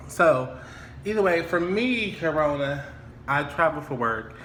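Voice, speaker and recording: A man's voice: a little high, animated, measured pace, a bit bright, slight background noise. A man hosting a casual chat, joking and laughing often. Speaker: host. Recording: echoey room, faint ambience.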